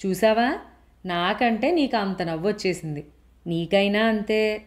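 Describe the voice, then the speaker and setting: A woman's voice: fairly low pitch, normal speed, a little mellow, close to an everyday voice. A woman doing a blunt, scolding older housewife.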